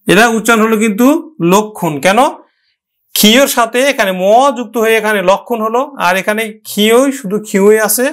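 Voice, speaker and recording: Male teacher with a high voice, patient and step-by-step, who drills example words through repetition. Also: a bit bright. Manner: explains slowly, repeats example words. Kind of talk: pronunciation lesson.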